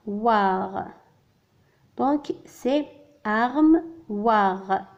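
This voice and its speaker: A woman teacher goes through a children's French workbook, saying each word slowly and carefully and explaining it in Arabic. Her voice sits a little high. The recording is dull and lo-fi. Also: a little mellow. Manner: slow, careful enunciation of French words. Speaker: primary school French teacher.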